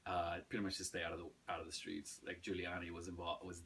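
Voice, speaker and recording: A man, an actor telling stories in a casual chat, halting and restarting as he recalls. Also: deep voice, completely flat delivery, vocal fry, fairly bright tone, distant mic, slight background noise. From New York. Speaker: guest actor.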